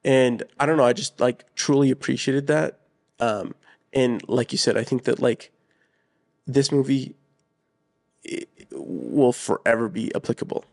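In a gravelly, somewhat mellow voice of medium pitch, a man co-hosting a movie podcast chats casually at a measured pace. He comes across as earnest and rambling, with lots of "like" and "you know."

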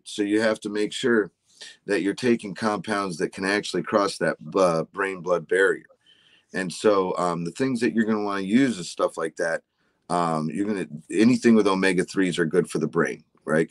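Deep-voiced and recorded without room sound, a man in his forties appears as a supplement company guest. He chats about health ideas in an explanatory way, repeatedly checking in with "right?"

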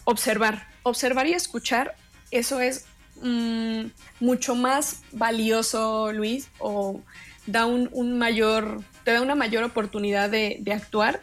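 A woman, a guest expert explaining emotions in calm conversation, measured and pausing to repeat her words. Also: a little high, soft background music.

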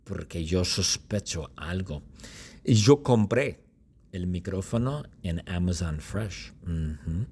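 Suspicious guy w a laser mic, slow and husky, man doing it. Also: sits low, expressive, darkish tone, pitched below the performer's own voice, heavily acted. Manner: slow, simple, repetitive storytelling. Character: suspicious armed man meeting a star.

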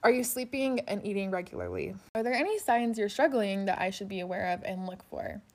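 A woman's voice: mid-range voice, a little mellow. Chatty woman recording under blankets. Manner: chatty, quick to laugh, filler-heavy. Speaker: podcast co-host. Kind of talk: casual chat. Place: under a blanket fort on a floor.

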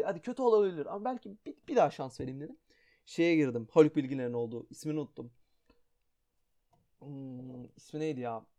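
A young man talks straight to his viewers in a casual rant, blunt and fed up, swearing freely. His voice sits a little high for a man but sounds mellow and warm. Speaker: vlogger.

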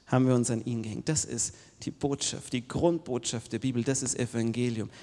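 A male pastor preaching a sermon in a casual storytelling way, jumping between loud bursts and hushed whispers. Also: mid-range voice, steady tone, brisk. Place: church hall. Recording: long hall reverb.

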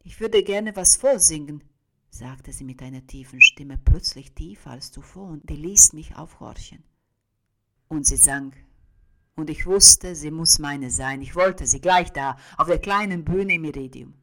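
A woman with a slightly low voice gives a dramatic literary reading of a first-person monologue. She moves between breathy whispers and sudden loud, forceful outbursts. Her phrasing is rhythmic and beats like a drum. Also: measured pace.

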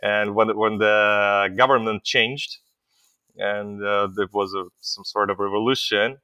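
Bright, crisp-voiced Ukrainian-born man. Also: lowish voice, steady tone, measured pace, no echo. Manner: hesitant, many fillers. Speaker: company CEO, guest. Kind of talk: interview storytelling.

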